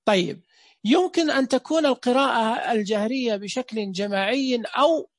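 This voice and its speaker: A man giving a lecture on teaching children to read. He talks loudly and clearly and keeps asking and answering his own questions. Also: very high voice, normal speed, dry recording. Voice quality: loud and clear. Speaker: teacher trainer.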